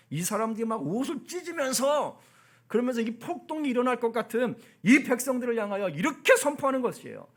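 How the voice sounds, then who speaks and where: Male pastor, high voice, animated and chatty sermon delivery. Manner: animated, conversational preaching with asides to the congregation.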